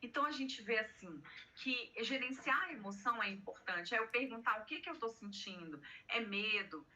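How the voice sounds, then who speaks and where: A woman's voice: fairly high pitch, expressive, moderate pace, sharp tone, poor audio. A Brazilian woman, a psychologist, chatting as a guest and explaining with personal stories. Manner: explanatory, tells personal anecdotes. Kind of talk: casual conversation.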